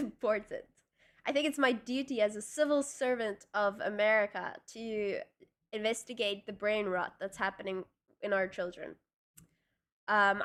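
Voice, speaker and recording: On a casual livestream, a young Afrikaans-speaking South African woman with a local accent reads through viewer comments, her speech full of rambling, fillers and restarts. Her voice is medium in pitch and a bit bright.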